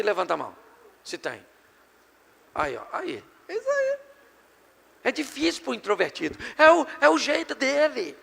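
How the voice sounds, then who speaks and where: A middle-aged Brazilian pastor preaching an animated, joking sermon to a live congregation. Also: male voice, very high voice, gravelly. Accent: Brazilian Portuguese. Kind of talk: sermon on marriage and communication. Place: church hall before a live congregation. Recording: long hall reverb.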